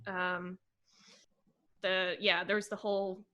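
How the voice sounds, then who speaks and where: A young adult woman co-hosting a podcast in casual chat, chatty and quick to laugh. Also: on the low side, level tone, bright, forceful tone, dull audio. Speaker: podcast co-host.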